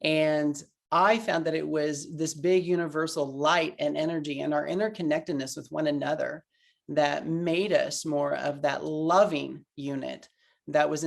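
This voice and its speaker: Oklahoma guy w/ a gravelly creaky voice, talking earnest and reflective on a video call, lots of uhs. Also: fairly high pitch. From Oklahoma, USA. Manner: earnest and reflective, with many fillers. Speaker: guest. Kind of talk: personal testimony in a video-call interview.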